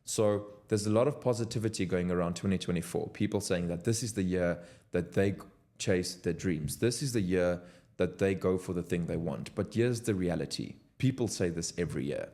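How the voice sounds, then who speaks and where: Earnest and motivational, a young South African content creator speaks off the cuff to camera from his desk at home. His low, dark voice moves at a moderate pace. The clip is a talking-head vlog.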